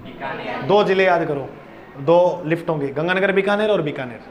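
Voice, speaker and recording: A male teacher giving a classroom lecture, loud and playful, drilling students with call-and-response chants. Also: fairly high pitch, brisk, muffled recording, slight background noise.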